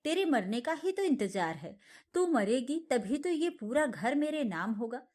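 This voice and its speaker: A woman's voice: high-pitched, sing-song, measured pace, darkish tone, heavily acted. A woman voicing a cruel, scheming young daughter-in-law who talks in a harsh, threatening, mocking way.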